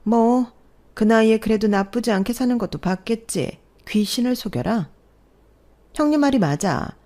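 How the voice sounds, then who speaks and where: Woman voicing a snide older sister-in-law, mocking, sneering, raised pitch, audio storybook. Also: animated, normal speed, mellow, close to an everyday voice.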